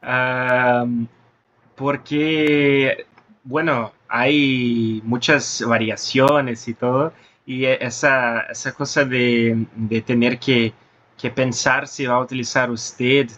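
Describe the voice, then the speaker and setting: A man's voice: mid-range voice, fairly even intonation, slow, fairly bright tone, muffled recording. A man hosting a casual conversation, hesitant, searching for words with many restarts. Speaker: host.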